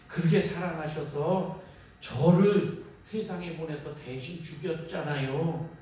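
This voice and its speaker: A man's voice: fairly high pitch, slow, mellow. A male pastor preaching a sermon in a church in a conversational, storytelling way, asking the congregation questions. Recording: echoey hall, distant mic, faint room noise.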